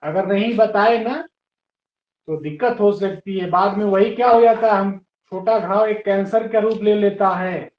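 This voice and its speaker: A man's voice: high-pitched, unhurried. A man teaching English to a class, patiently spelling words out letter by letter and encouraging his students. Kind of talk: classroom lesson. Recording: roomy, dull lo-fi classroom recording.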